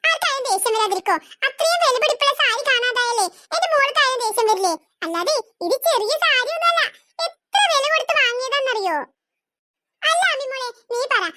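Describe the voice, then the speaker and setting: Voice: extremely high pitch, background noise. A voice actor playing a boastful, scheming aunt in a cartoon who brags and gloats in a mock-sweet way. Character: greedy boastful scheming aunt, adult woman. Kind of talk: Malayalam cartoon voice acting.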